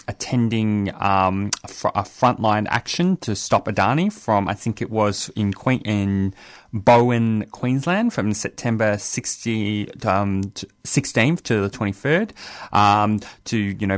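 Male AM radio co-host, low dry voice, hesitant and roundabout interviewing. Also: a little slow, no room sound. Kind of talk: live AM radio interview hosting.

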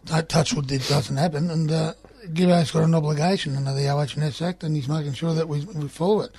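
A man's voice: on the high side, steady tone, quick pace, a little mellow, slightly rough, no room sound. A man with an Australian accent talking bluntly and swearing casually on a radio panel. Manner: blunt, sweary, plain-spoken.

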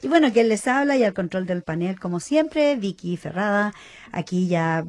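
A woman's voice: medium pitch, animated, moderate pace, a little mellow. A woman from Chile hosting a community radio talk show, earnest and outspoken. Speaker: radio host.

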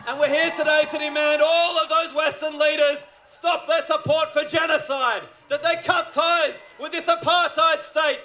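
A man speaking as an MC at an outdoor protest rally, forceful and rousing. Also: very high-pitched. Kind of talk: rally speech.

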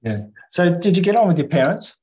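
A man's voice: sits high, big pitch swings, a little fast, dark tone. An Australian man hosting a community radio interview in a plain, informal and slightly hesitant way. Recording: dull, lo-fi radio audio.

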